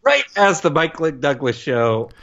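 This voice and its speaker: A man with a lively, swooping voice talks casually on a podcast. He keeps acting out bits of the scenes in playful mock voices. The sound is a little dull and lo-fi. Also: a little high, unhurried, gravelly. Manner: animated, acts out lines in mock voices. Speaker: podcast co-host. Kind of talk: casual chat reviewing a TV special.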